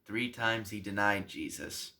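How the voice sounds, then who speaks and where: A man, a pastor, telling a Bible story to children in a slow, deliberate way. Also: fairly low pitch, sharp tone.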